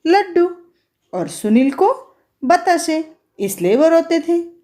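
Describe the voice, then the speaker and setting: A woman's voice: extremely high pitch, sing-song, slow pace, mellow, pitched above the performer's own voice, full character voice. A woman teacher voicing a naughty young boy who answers back innocently in a storybook reading. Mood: cheeky. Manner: innocent, cheeky.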